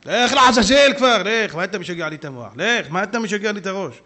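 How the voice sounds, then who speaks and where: A man in a synagogue hall preaching a sermon with a very high, bright voice that swings up and down all the time. He turns stories into small scenes, breaking into shouted asides and quick put-on voices, and keeps joking with his listeners. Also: expressive. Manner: humorous, talks straight to the audience. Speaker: rabbi. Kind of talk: sermon with storytelling.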